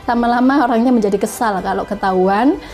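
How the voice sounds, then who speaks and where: A woman giving a calm, measured self-development lesson and explaining with spoken examples. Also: fairly high pitch.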